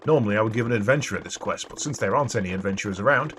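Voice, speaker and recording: A man's voice: on the low side, very fast, a bit bright, slight background noise, close to an everyday voice. A man voicing a scheming, sardonic villager in a fantasy video game. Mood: sly, coaxing. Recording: music behind the voice.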